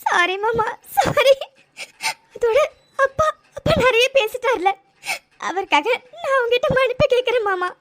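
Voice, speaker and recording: A woman's voice: very high voice, moderate pace, fairly bright tone, no echo. A woman voicing a tearful heartbroken young woman. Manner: tearful, pleading. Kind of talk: cartoon voice acting.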